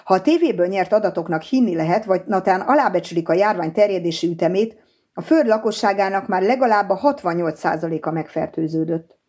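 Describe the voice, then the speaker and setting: A woman narrator voicing a grave young male researcher, calm and sober. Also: high-pitched.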